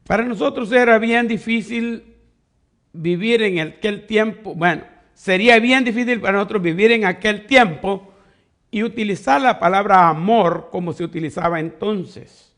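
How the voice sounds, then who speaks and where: A man's voice: sits high, normal speed, a bit bright. A man preaching a sermon as pastor, teaching step by step and leaning on quoted questions. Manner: teaching Bible study, explains words step by step.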